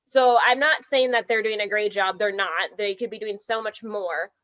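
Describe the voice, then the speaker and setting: A Canadian filmmaker joins a podcast over a remote call, chatting in an animated, casual way, laughing often and saying "like" a lot while she's hot and sweating. Her voice is mid-range at a normal speed, and the recording has its highs cut off.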